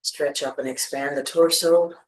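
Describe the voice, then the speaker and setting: Here a meditation teacher speaks at a normal speed with fairly even intonation, guiding a practice in a medium-pitched, gentle, soothing voice. Gaps separate the instructions, and the audio is poor.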